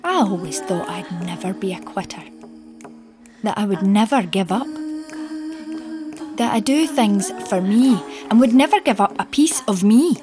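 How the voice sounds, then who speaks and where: A woman performing a spoken-word poem in a soft, measured, intimate way. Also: mid-range voice, expressive, music in the background. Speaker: poet. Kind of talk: slow spoken-word poetry.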